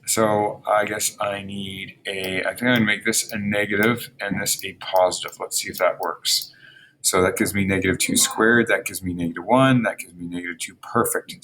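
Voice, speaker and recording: A man teaching a math lesson, working problems out loud and talking viewers through the slides, with frequent fillers and restarts. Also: fairly low pitch, slight background noise. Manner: thinks aloud with fillers and restarts, addresses viewers as friends.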